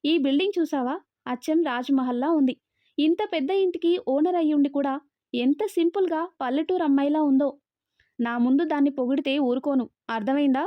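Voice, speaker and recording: A woman's voice: high-pitched, fairly quick, no room sound, natural voice. A woman voicing a spoiled, jealous young city woman who talks in a haughty, demanding way. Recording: dull, dry lo-fi audio.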